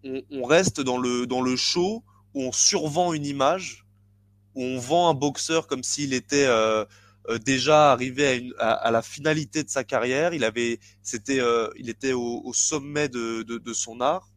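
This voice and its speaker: A man co-hosting a podcast, chatting casually and haltingly with frequent restarts and fillers. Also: medium pitch. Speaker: podcast co-host. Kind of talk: casual chat about boxing.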